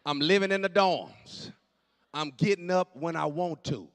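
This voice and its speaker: A man in his late forties doing animated stand-up storytelling on stage, dropping to low asides and jumping up for punchlines. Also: unhurried. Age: 40s. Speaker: stand-up comedian. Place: church hall on stage. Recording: long hall reverb.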